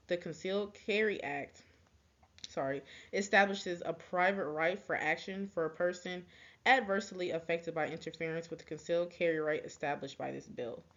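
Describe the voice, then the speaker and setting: A young woman delivers a persuasive speech for a class in a lowish voice. She stumbles often, with ums, false starts and quick apologies. The recording is slightly muffled. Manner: halting, with frequent ums, restarts and apologies. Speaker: student giving a class speech.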